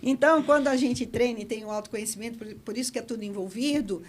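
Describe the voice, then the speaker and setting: A middle-aged woman hosting a casual podcast, teaching public speaking in an expressive way and gesturing a lot as she talks. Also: fairly high pitch, quick pace, slight background noise.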